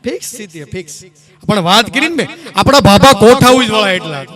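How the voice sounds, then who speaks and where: A man's voice: high voice, lively intonation, fairly quick, pushed and bright. A man telling jokes to a live audience, chatting with listeners between stories. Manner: jokey, chatty, addresses audience directly. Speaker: stage comedian. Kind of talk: live comic storytelling. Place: live stage show.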